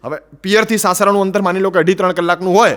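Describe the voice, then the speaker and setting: A man with a Gujarati accent doing animated stand-up storytelling, acting out the people in his jokes. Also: high voice, very fast, big-room sound. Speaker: stand-up comedian.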